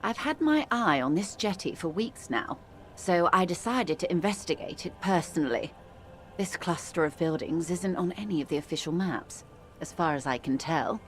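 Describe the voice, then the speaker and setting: An actress voicing a poised, composed middle-aged woman of means in a video game, speaking in a measured, courteous, faintly wry way. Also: fairly low pitch, lively intonation, slight background noise, natural voice. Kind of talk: voiced video game dialogue.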